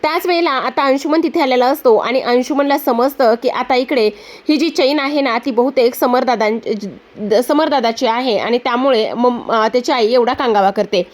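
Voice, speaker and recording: A high-pitched woman with a Marathi accent recaps a TV serial episode. She strings the events together with repeated connecting phrases, like a storyteller. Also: moderate pace. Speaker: serial reviewer.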